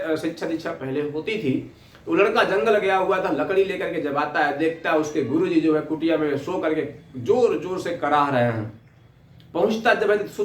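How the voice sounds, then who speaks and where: An Indian-accented man tells moral tales and urges students on in a fairly high voice. His delivery is earnest and halting, with repeated filler phrases. The recording is echoey, picked up at some distance from the microphone. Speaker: teacher giving a motivational talk. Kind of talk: moral storytelling and exhortation to students.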